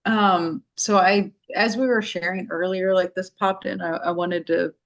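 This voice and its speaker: A woman's voice: fairly low pitch, fairly even intonation, measured pace, muffled recording. A woman in casual spiritual conversation, chatty and full of "like" as she tells a personal story.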